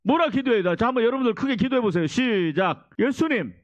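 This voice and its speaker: A man's voice: very high-pitched, lively intonation, fast talker, no room sound, lo-fi sound. A male pastor preaching a sermon with call-and-response, exhorting his congregation and prompting them to repeat after him and answer.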